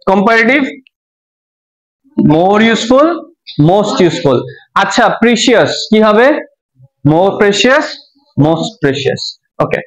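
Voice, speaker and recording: In a classroom grammar lecture recorded with dull lo-fi sound, a high-pitched, slightly bright-voiced man with a Bangladeshi Bengali accent teaches English. He spells out words one letter at a time and quizzes the class with check questions.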